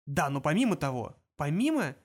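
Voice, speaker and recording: A man's voice: fairly high pitch, big pitch swings, brisk. A bewildered, timid ordinary man asking worried questions in a slightly raised, unsure voice, as a male audiobook reader puts him on. Nervous and out of his depth, a storybook everyman.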